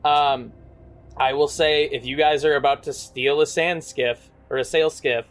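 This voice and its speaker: A man's voice: fairly high pitch, fairly even intonation, measured pace. A man running a tabletop game as dungeon master, chatty and loose, with frequent fillers.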